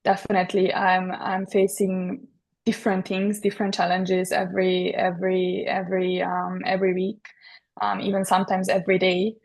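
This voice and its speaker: Serbian-accented woman, flat-voiced and hesitant. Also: mid-range voice, moderate pace, vocal fry. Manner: hesitant, many fillers and restarts. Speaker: guest, interior designer. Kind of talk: podcast interview.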